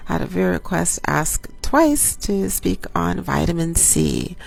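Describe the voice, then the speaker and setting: An OB-GYN hosting a health show talks casually to the camera, congested from a cold, coughing now and then, and moving unhurriedly with frequent ums and self-corrections. Her lowish, gravelly voice swoops wildly in pitch.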